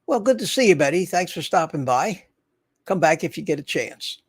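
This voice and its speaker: A seventy-something man hosts a relaxed livestream from his Florida home, wandering through folksy chatter and reading his viewers' comments aloud to reply. He talks at a moderate pace in a fairly high, lively voice with a breathy edge, and the recording is dry.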